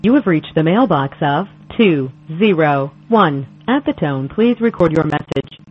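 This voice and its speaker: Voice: medium pitch, a little slow, slightly rough. Automated voicemail greeting voice, lo-fi. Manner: even, formal announcer delivery. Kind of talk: recorded phone system prompt. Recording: dull lo-fi phone audio.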